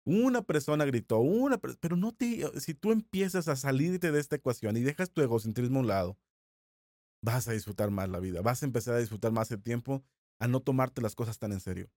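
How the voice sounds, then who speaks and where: A middle-aged man with a Mexican Spanish accent teaching a recorded Bible lesson in a small studio, talking conversationally and slowing down to repeat phrases for emphasis. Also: medium pitch, expressive, dark tone, dry recording.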